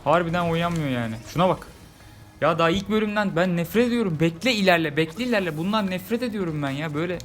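Faint music plays behind a man with a high voice who talks fast. He's a gaming YouTuber doing casual let's-play commentary, frustrated and joking as he complains about his gameplay over and over.

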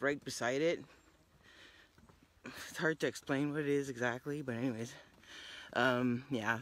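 A middle-aged woman chatting casually on a nature trail, rambling with lots of fillers, recorded on a phone held at arm's length outdoors. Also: low voice. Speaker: hiking vlogger. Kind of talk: casual chat.

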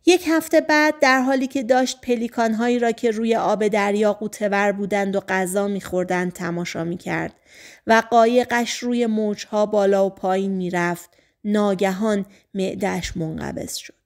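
A woman narrating a novel in a calm, measured reading voice. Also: mid-range voice. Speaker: audiobook narrator. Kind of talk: scripted narration.

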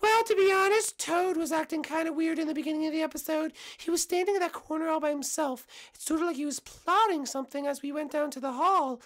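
A man voicing a chatty young princess in a thin, high falsetto, eagerly pointing the finger in a homemade puppet comedy. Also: fast, few pauses, fairly bright tone. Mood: accusing.

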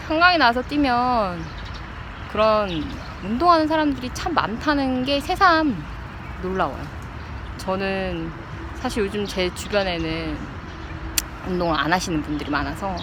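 A person recording a casual, unscripted vlog diary outdoors, chatting reflectively to viewers and pausing mid-thought. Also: mid-range voice. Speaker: vlogger. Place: outdoors by a riverside path. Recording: outdoor noise, traffic and city ambience.

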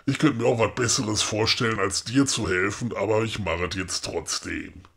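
A man's voice: on the low side, fairly even intonation, moderate pace, gravelly, fairly bright tone, breathy edge, heavily acted. A man with a Ruhr German accent playing a grumpy but helpful middle-aged woodcarver in a comedic audio play, chummy and matter-of-fact. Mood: scheming.

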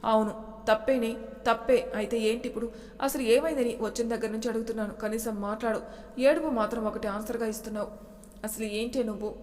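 A woman's voice: a little high, steady tone, quick pace, darkish tone, lightly acted. A woman voicing an angry, domineering young man in a story reading, talking harshly and with threats. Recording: long echoing reverb.

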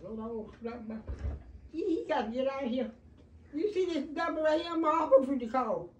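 A woman's voice: sits high, normal speed. A woman in her nineties with a Southern Alabama accent, talking casually in a feisty, blunt, scolding way with family. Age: 90s. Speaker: grandmother. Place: small living room at home. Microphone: phone camera across the room. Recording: distant phone microphone, roomy, faint noise.

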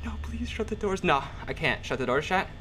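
A man's voice: high-pitched, very animated, fairly quick, sharp tone, slight background noise. A young man commenting live on a horror game to his chat, nervous and pleading, repeating himself. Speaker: game streamer. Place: small room at home. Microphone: desk mic near the face.

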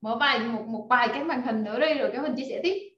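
Energetic woman teaching online. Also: fairly high pitch, very fast. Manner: energetic, rallying the class with many fillers. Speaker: online course instructor. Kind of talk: live online class over video call. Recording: echoey, dull video-call audio.

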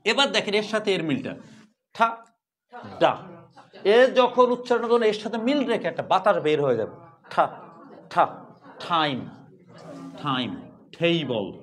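A man leads an English pronunciation class. His voice sits high and moves a lot as he teases his students and drills each sound again and again. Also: measured pace, long pauses. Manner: animated, teasing, drills sounds by repeating them. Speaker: English teacher.

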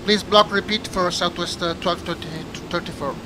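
A man's voice: high-pitched, steady tone, moderate pace. A male airline pilot speaking over a cockpit headset radio, making clipped, terse calls to the tower and callouts to the crew. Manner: clipped, terse aviation phrasing. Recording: loud engine noise in the cockpit.

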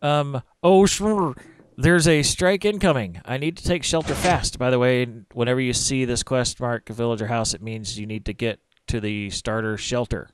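A man playing a video game with a friend, chatting casually and joking in a playful, excitable way. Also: medium pitch, moderate pace, smooth, no echo. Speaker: let's play gamer. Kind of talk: casual co-op gameplay chat.

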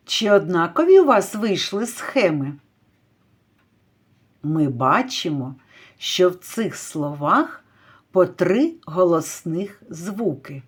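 A woman teaching a literacy lesson to young children, slowly drawing out stressed vowels as she calls out words. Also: on the low side, breathy edge. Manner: slow, drawn-out, stretching stressed vowels to call out words. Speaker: kindergarten teacher.

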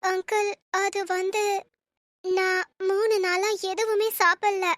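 A woman's voice: very high-pitched, flat delivery, slow pace, a bit bright, no echo, heavily acted. A woman voicing a timid young bride in a cartoon, speaking meekly and hesitantly. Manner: meek, hesitant. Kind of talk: cartoon voice acting.

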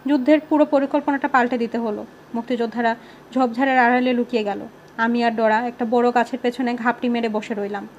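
Brief: woman narrator, fairly high voice, storybook reading, faint hiss underneath. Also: a little mellow, lo-fi sound. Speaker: audiobook reader.

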